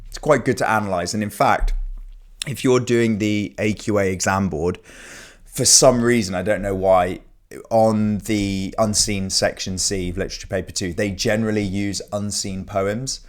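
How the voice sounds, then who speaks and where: A man with a somewhat low voice talks through an exam revision lesson. He explains in a loose, conversational way, full of fillers and asides, the way a teacher talks to students. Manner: informal, chatty explaining with fillers.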